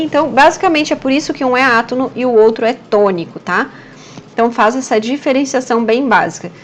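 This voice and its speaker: A woman's voice: on the high side, a little hiss or hum. A woman teacher, explaining grammar over slides and checking in often with the class. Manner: patient, checks in often with "né?" and "certo?".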